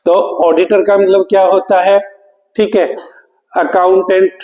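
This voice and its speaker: Man teaching English for an exam, high voice, flat delivery, echoing classroom. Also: lo-fi sound. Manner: asks questions and answers them himself, repeating key words; reads English question text slowly and deliberately. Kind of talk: classroom lesson.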